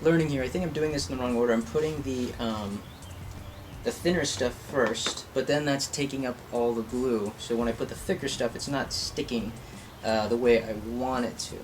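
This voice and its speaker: This craft and painting video is hosted by a man with a mid-range voice, heard over background noise. He explains his hobby project casually, poking fun at himself as he goes.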